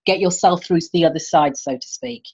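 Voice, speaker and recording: A woman's voice: deep voice, brisk, slightly rough. A woman hosting an interview podcast, asking guests questions and laughing along with them. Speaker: podcast host. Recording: dull lo-fi sound.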